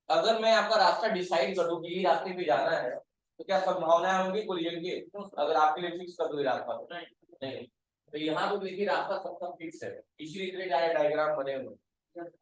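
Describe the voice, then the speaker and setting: A man's voice: on the high side, moderate pace. Strict male teacher in an echoey classroom. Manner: strict, quizzes and scolds students. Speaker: computer teacher. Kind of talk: classroom lecture.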